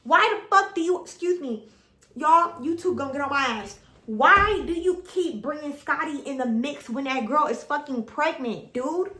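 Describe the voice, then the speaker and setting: A woman's voice: high-pitched, moderate pace, pushed and bright. A young woman vents about a reality TV show. She is blunt and profane, and she repeats her complaints in exasperation. Her voice carries a noticeable echo from the room. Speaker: reality TV reaction vlogger. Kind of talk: casual ranting commentary.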